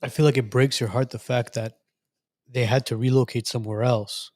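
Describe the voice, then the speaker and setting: A man's voice: mid-range voice, steady tone, a little fast, darkish tone, no echo. A man hosting a podcast, speaking in an earnest, reassuring way to his guest. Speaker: podcast host. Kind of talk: supportive conversation.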